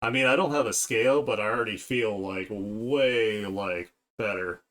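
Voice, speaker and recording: Speaking at a moderate pace in a voice on the low side with a bit of brightness, a man chats casually with viewers on his art livestream, rambling along while he draws.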